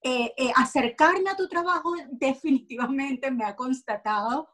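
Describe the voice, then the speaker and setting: A woman with a fairly high voice and a Venezuelan Caribbean Spanish accent hosts an interview. She talks in a considered, conversational way as she frames her questions. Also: moderate pace, a bit bright. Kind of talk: literary interview, thoughtful conversation.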